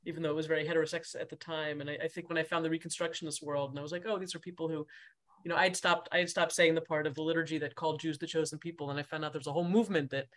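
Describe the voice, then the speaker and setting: A rabbi talks quickly and thoughtfully, scattering "you know" through her sentences. She sounds like an interviewer in an easy conversation. She is heard over a video call. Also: low-pitched, level tone.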